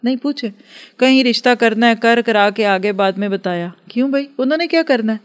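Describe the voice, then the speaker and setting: A woman's voice: on the high side, fairly quick. A woman giving an earnest religious lecture to a class, advising and acting out everyday dialogues. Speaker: religious teacher.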